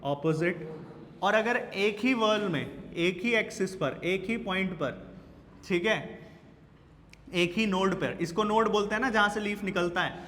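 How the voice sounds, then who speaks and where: A man's voice: high voice, a little slow, fairly bright tone, long reverb tail. A male biology teacher lecturing in a classroom, quizzing his students with repeated questions and teasing them. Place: classroom with a whiteboard.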